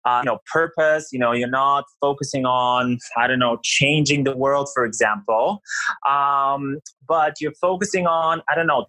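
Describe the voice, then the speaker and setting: A man's voice: mid-range voice, a bit bright, dry recording, rough recording. A middle-aged man from Bulgaria, a psychology researcher guest on a podcast, explaining ideas in a thoughtful, conversational way with many fillers.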